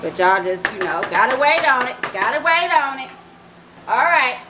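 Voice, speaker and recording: A woman's voice: high voice, sing-song, normal speed. A woman hosting a casual cooking vlog from her home kitchen, chatting to her viewers as "y'all" and "baby.". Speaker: cooking channel host. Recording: echoey kitchen with background noise.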